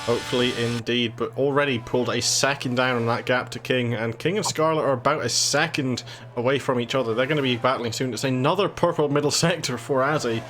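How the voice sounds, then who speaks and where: A man's voice: medium pitch, fairly quick, fairly bright tone, a little hiss or hum. A man working as a motorsport commentator, giving factual play-by-play of a live race.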